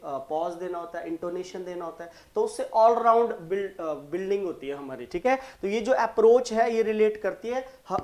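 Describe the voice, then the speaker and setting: A teacher with a Punjabi accent giving an online exam-prep lesson, mixing Hindi and English, explaining slowly and often checking in with "right?". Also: medium pitch, a little mellow. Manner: explains slowly and repeats key terms. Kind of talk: online exam-prep lesson going through multiple-choice questions.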